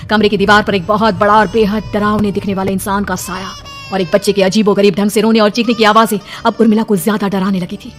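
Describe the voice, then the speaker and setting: A woman's voice: medium pitch, flat delivery, fast. A woman narrating a scripted horror cartoon story in a dramatic storytelling style.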